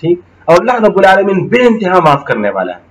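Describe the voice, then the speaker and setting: Man, teacher, classroom lecture, somewhat high pitch, explains Arabic terms, recites verses. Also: huge pitch swings, a little fast, rough recording. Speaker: Islamic studies teacher.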